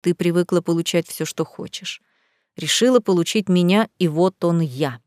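A woman's voice: moderate pace, darkish tone, no room sound, studio quality, lightly acted. Woman voicing a bitter, menacing young man. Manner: harsh, hissing, low menacing threats. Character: angry young man, bitter and contemptuous groom.

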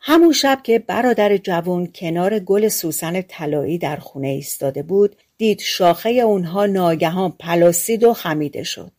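A woman's voice: on the low side, hardly any pauses, darkish tone. A woman reading a fairy tale aloud as an audiobook narrator, giving the characters' lines within the story.

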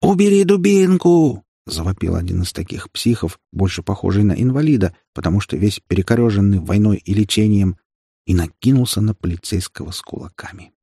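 A man narrating a dramatic audiobook in an expressive storytelling manner. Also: low voice, a little fast, creaky, husky, no room sound, studio quality.

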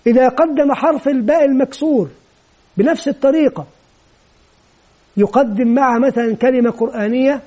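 A man giving a measured, methodical lecture that explains step by step how to teach children to read. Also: very high-pitched, dark tone. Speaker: teacher trainer.

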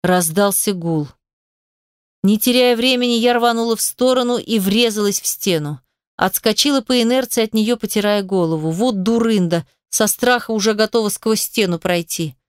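Smooth-voiced woman reading a fantasy audiobook. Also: mid-range voice, moderate pace, no echo, clean studio sound. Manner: expressive, storytelling. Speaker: audiobook narrator. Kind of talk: first-person fantasy audiobook narration.

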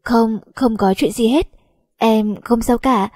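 A woman's voice: on the high side, steady tone, takes it slowly, a little mellow, dry recording, clean studio sound. A woman voicing a timid, hurt young woman who answers in small, hesitant replies, in an audiobook.

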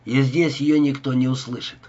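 A man's voice: mid-range voice, flat delivery, moderate pace, a little mellow, highs cut off, lightly acted. A man voicing a brutal gangster who threatens and bullies in a harsh voice. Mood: menacing. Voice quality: harsh, menacing.

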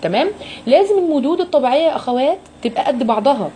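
Warm Egyptian woman teaching recitation. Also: high-pitched, expressive, rapid-fire, a little hiss or hum. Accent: Egyptian Arabic. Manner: explains patiently, asks her students questions and models each sound. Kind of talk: tajweed lesson for women.

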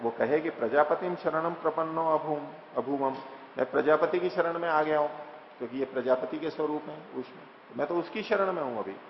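A man teaching scripture, reciting verses slowly and then explaining them plainly with rhetorical questions. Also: medium pitch, slight background noise. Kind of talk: scripture lecture. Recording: echoey hall, dull lo-fi sound.

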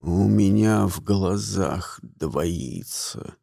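A man voicing a poisoned old wizard, his voice dropped very low, hoarse and rasping. He mutters his words slowly and darkly, close to the mic in a dry, dead room. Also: lively intonation, dark tone, dry recording, heavily acted. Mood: weak rasping. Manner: slow, muttering. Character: wounded old male wizard, weary and grim.

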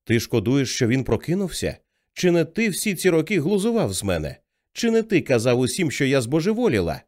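A man's voice: fairly high pitch, very animated, brisk, darkish tone. A man reading the part of a middle-aged religious mother, fervent and rising to hysterical cries. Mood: bitter. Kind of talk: audiobook character reading.

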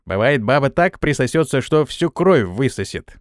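Boastful young archer, read by a man: coarse, lively, dry. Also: medium pitch, moderate pace, no room sound, lightly acted. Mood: cocky. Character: cocky young male archer.

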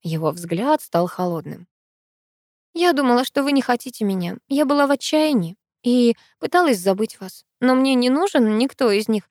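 A woman giving a steady first-person audiobook narration. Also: fairly high pitch, moderate pace, dry recording, clean studio sound.

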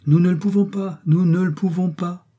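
A man's voice: mid-range voice, moderate pace, dark tone, breathy edge, dull audio, close to an everyday voice. A man reading the part of a stern young male missionary, speaking in a brief, commanding and insistent way.

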